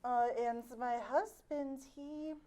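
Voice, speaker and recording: In an improvised comedy scene, a woman plays a vain, aristocratic lady with a French accent, spinning a dramatic tale packed with fillers. Her voice is high, warm, and steady, and she speaks slowly.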